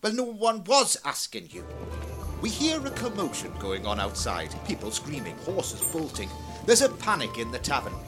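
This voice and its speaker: A man's voice: fairly high pitch, huge pitch swings, moderate pace. A man narrating a tabletop game as game master, bossy and teasing. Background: background music.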